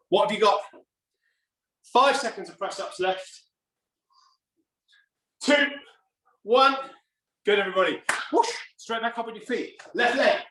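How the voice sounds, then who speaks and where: Leading a live HIIT session in his indoor home gym, a middle-aged fitness coach barks quick, urgent commands and countdowns, energetic and working out himself. His pitch is extremely high. A camera a few steps away records him, leaving a distant mic and a roomy echo.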